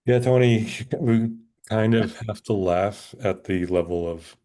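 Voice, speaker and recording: A man leading a town committee meeting, calmly walking through schedules, audits and bids step by step. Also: lowish voice, measured pace.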